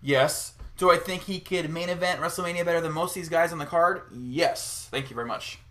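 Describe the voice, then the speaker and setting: A man with a slightly higher voice co-hosts a podcast, talking eagerly about his favorites. He keeps ribbing his partner in a joking way. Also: a little fast, a bit bright. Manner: teasing, enthusiastic, playfully ribs his co-host. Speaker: podcast co-host. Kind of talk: casual chat.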